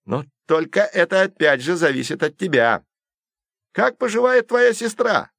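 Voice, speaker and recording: A man's voice: high-pitched, expressive, unhurried, vocal fry, fairly bright tone, no room sound, voice pushed up, exaggerated voice. A man plays a taunting boy ringleader in a dry audiobook reading. He sneers and bosses in a raised voice. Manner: mocking, taunting. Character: youngest Flint brother, sneering boy ringleader.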